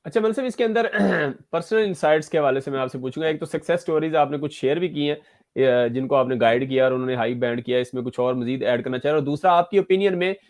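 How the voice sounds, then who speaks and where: A man interviewing a teacher, asking long questions with hesitant pauses. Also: fairly high pitch, a little mellow. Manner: hesitant, many fillers when asking questions. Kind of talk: online interview.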